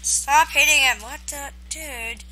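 Excitable high-voiced woman gaming. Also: takes it slowly, slight background noise, rough recording. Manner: excitable, yelling and laughing at the game. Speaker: gamer. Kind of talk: live gameplay commentary.

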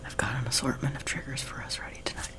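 A young man speaks in a hushed ASMR whisper, right up in your ear. He rambles softly as a host, very close to a sensitive microphone. The voice is breath more than tone. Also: mid-range voice, flat delivery, fast talker. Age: young adult. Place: small room at home, seated on a love seat. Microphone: sensitive high-gain close microphone.

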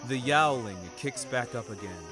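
A man narrating a fiction podcast sounds animated, his mid-range voice moving at a moderate pace. The scripted first-person story comes across wry, ornate and theatrical, backed by music.

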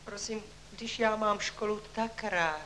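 A man's voice: high voice, bright, forceful tone, slight background noise, rough recording. An actor playing a young male student who stammers and pleads, pretending to be ill, on an old film soundtrack. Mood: pleading. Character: young male student faking a nervous fit.

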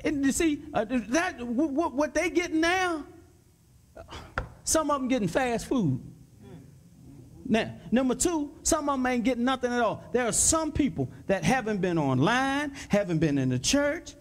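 High-voiced, fervent preaching man. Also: unhurried. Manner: fervent, repetitive exhortation; gets excited and loud. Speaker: pastor. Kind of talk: preaching in a panel discussion.

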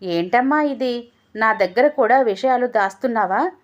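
A woman voicing a sharp-tongued young wife who sounds demanding and quick to anger. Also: on the high side, muffled recording, lightly acted.

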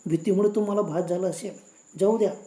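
A woman's voice: medium pitch, quick pace, mellow, echoey room, close to an everyday voice. Woman voicing a blunt rickshaw driver man. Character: male rickshaw driver, gruff, mysterious.

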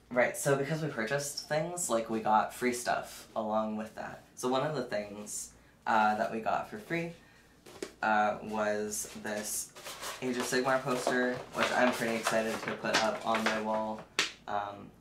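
Casual guy rambling thru a haul vid, kinda self-deprecating, echoey room. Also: lowish voice. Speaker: hobby vlogger showing a haul. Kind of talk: casual chat to camera. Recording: echoey room with background noise.

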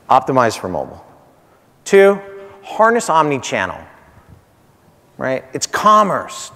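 In a reverberant hall, a marketing executive in his forties gives a keynote from a large indoor hotel conference stage. His mid-range voice is a bit bright. He uses short, punchy phrases, goes back over his key points and checks in with "right?".

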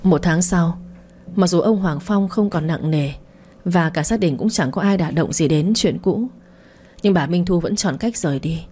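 A woman narrating a novel in a slow, soft, even reading. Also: fairly low pitch, slight background noise. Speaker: story narrator. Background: faint music.

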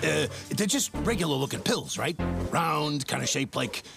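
A man's voice: a little high, sing-song, moderate pace, gravelly, full character voice. A man playing an earnest, uneasy young cartoon sidekick who talks in a casual, hesitant ramble. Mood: uncertain. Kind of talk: animated cartoon acting. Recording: music behind.

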